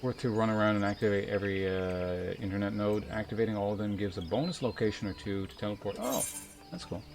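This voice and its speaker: Talking fast in a low, steady voice, a game streamer offers rambling, casual commentary and reads chat aloud. He swears freely and leans on dry sarcasm, with game music behind him.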